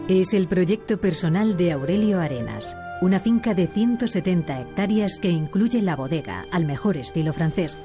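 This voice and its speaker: Low-voiced woman narrating a documentary. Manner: calm, measured voice-over. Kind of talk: scripted narration. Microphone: studio voice-over. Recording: voice-over with music behind.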